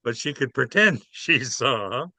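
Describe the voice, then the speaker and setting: A man's voice: medium pitch, animated, takes it slowly, bright, forceful tone, no echo. A man, a playwright guest in an interview, telling stories animatedly and acting out his characters. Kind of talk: casual interview storytelling.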